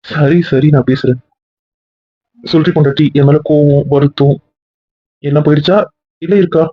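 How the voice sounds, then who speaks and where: A man acting an upset husband in a family web series, talking quickly and earnestly. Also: on the high side, fairly even intonation, dry recording, muffled recording.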